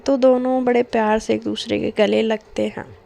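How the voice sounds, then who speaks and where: A woman's voice: fairly high pitch, flat delivery, normal speed, creaky, dark tone. A young adult woman narrating a family story in a chatty, casual way, with asides to her listeners.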